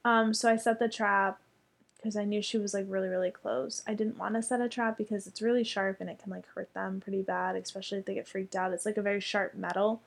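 A woman's voice: mid-range voice, level tone, fast, vocal fry. A young woman telling a story in casual chat, chatty and full of fillers, with casual swearing.

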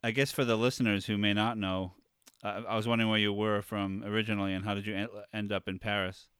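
Deep-voiced male podcast host. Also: little pitch movement, quick pace, fairly bright tone, clear, resonant tone, no echo. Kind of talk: podcast intro and interview.

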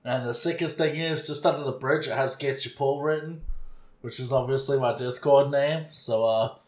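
A man's voice: medium pitch, normal speed, a little mellow, echoey room. A man co-hosting a podcast in a joking, laid-back casual chat. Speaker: podcast co-host.

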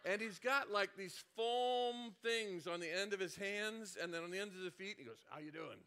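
A man's voice: high voice, normal speed, bright, forceful tone, smooth. A middle-aged man, a senior pastor, telling a childhood story in a conversational sermon with frequent restarts and asides.

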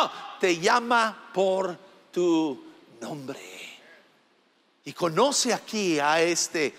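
Man, pastor, sermon, slow and drawn out, emphatic, sometimes shouting, long echoing reverb. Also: sits high. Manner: emphatic, rising to shouts, asks the congregation questions.

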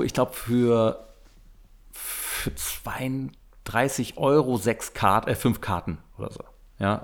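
A man, telling a story in casual chat, animated and acting out the people he quotes. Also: medium pitch.

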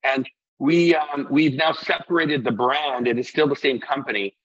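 A husky middle-aged man from Iceland who owns a brewery talks earnestly in a relaxed interview, rambling and restarting his sentences. The sound is dull and a little lo-fi. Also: mid-range voice, normal speed. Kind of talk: casual interview talk.

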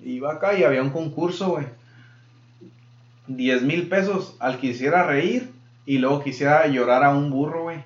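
Speaking at a moderate pace in a voice on the high side, this man co-hosts a podcast and swaps crude jokes packed with slang, his Mexican Spanish accent clear. Loud laughter keeps erupting through the casual storytelling, captured in a dull, roomy lo-fi recording.

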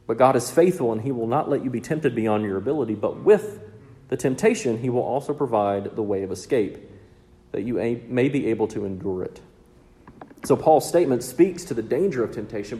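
A man with a Mississippi drawl preaching a sermon as a pastor, phrasing deliberately and with emphasis. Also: mid-range voice, dark tone, a little hiss or hum. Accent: Mississippi drawl, Southern US. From Mississippi, United States. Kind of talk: expository sermon with scripture readings.

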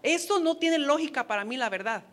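High-voiced woman preaching to wives. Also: expressive, a little fast, a bit bright. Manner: earnest, advising, with playful asides. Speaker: women's ministry speaker. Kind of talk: sermon.

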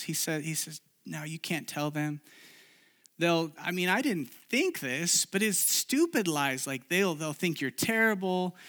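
A man who grew up in Chile delivers a sermon with personal testimony, sharing his own story in an earnest, confessional manner and often restarting. He has a high, slightly bright voice.

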